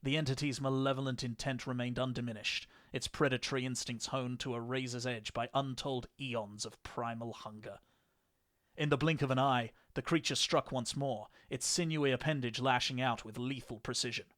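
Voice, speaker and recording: A man reading an action fan fiction story aloud in measured, grandiose narration. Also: mid-range voice, steady tone, a bit bright, no room sound, studio quality.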